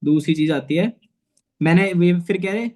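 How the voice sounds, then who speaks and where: A network marketing manager in his twenties speaks through an online meeting with a high, warm voice at normal speed. His motivational talk is earnest and personal, sprinkled often with "theek hai."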